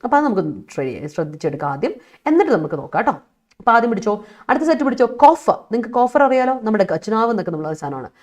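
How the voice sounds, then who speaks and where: A Kerala English teacher runs a live online vocabulary class at a racing pace, her fairly high, darkish voice swinging widely in pitch. She mixes English words into her explanations, reads her students' chat aloud, and laughs frequently as she responds.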